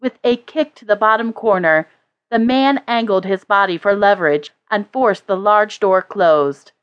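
Woman reading an audiobook nice and slow, mid pitch, bit muffled. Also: clear, resonant tone. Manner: measured storytelling. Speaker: audiobook narrator. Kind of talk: scripted narration.

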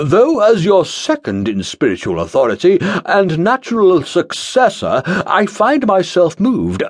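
A self-important Puritan pastor hedges and puffs himself up in a pompous, self-serving way, as a man puts him on. His delivery is lively in pitch, and it is recorded dry and close. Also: no room sound.

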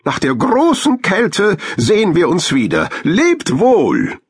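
A man's voice: high-pitched, wildly swooping pitch, slow, breathy edge, pitched above the performer's own voice, exaggerated voice. A man voicing a kind, cheerful female squirrel in a children's audiobook. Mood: friendly. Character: friendly helpful female squirrel.

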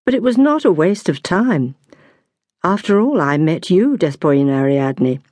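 A woman's voice: on the low side, sing-song, unhurried, a little mellow, no echo. A woman reading the part of a polite, eager young British army officer in an audiobook, her own voice barely changed. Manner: courteous, formal.

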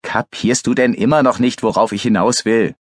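A man's voice: mid-range voice, moderate pace, no room sound, studio quality, voice pushed up, natural voice. A man voicing a teasing, jovial male forensic pathologist who needles his grumpy friend in an audiobook. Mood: mocking glee. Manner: gleeful, needling, mock-exasperated.

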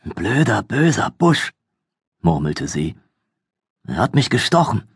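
Audiobook: male narrator playing a tense, protective older sister, husky and hushed. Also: lowish voice, very animated, takes it slowly, no room sound, clean studio sound, full character voice. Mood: grumbling.

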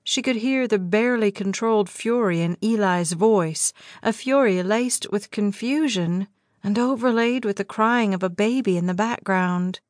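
Woman reading an audiobook, mid pitch, steady and measured, super dry close mic. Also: no echo. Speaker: audiobook narrator. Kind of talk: scripted narration. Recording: dry close studio sound.

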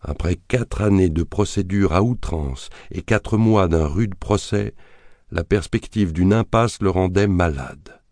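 A man narrating a thriller audiobook in a measured, dramatic reading that colors the quoted lines. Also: low voice, darkish tone, no echo, clean studio sound. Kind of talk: scripted narration of a thriller novel.

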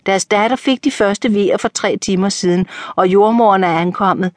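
A nosy railway porter calls out gossip across the platform in a raised, pushy voice, as a woman narrator puts him on. He chatters on, loud and busybody-like. The audiobook sound is dry and close. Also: medium pitch, dry recording, pitched above the performer's own voice, lightly acted. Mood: gossipy.

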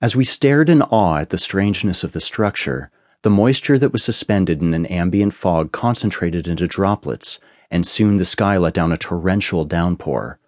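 Low-voiced male audiobook narrator. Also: lively intonation, darkish tone, dry recording, clean studio sound. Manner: measured, suspenseful storytelling. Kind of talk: scripted narration.

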